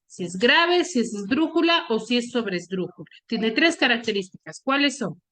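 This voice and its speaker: A woman's voice: a little high, expressive, normal speed, bright, forceful tone. A woman teacher giving an online class who keeps quizzing her students with repeated questions. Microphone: computer mic on a video call.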